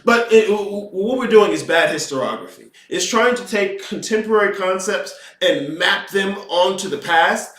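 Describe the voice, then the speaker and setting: A man hosting a podcast, lecturing in an impassioned, profane monologue that swings between quiet asides and loud, emphatic outbursts. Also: sits high, roomy sound, far from the mic. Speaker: podcast host lecturing on occult philosophy.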